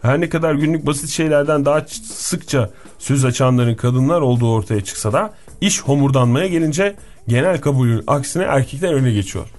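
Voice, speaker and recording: A man's voice: mid-range voice, a little fast, hardly any pauses, a little mellow. A man co-hosting a radio morning show, chatting playfully about news stories. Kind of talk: casual studio banter.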